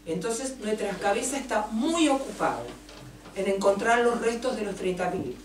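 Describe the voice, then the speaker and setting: A woman's voice: mid-range voice, animated, moderate pace. A woman from Argentina with an Argentine accent, giving an impassioned book presentation and stressing her points with long emphatic lists. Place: event room in a café. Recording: roomy, distant mic, faint noise.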